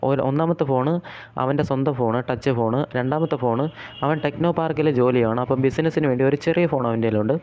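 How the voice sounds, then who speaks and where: A man's voice: medium pitch, quick pace, muffled recording, slight background noise. A man hosting a casual advice monologue to his viewers, telling a story in a chatty way and saying "okay" between points. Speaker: host.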